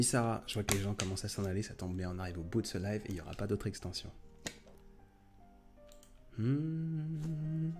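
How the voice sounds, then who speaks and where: A man's voice: fairly low pitch, a little mellow. A man hosting a casual late-night live stream, chatting in a rambling way with many fillers and restarts.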